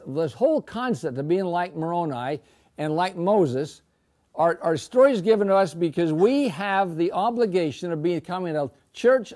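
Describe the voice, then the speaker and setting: An older man teaching a scripture class, asking the students questions and repeating words as he gets excited. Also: sits high.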